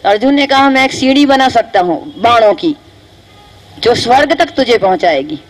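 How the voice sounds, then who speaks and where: High-voiced woman telling a children's story. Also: moderate pace, slight background noise, low-quality recording. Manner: lively, quizzes listeners.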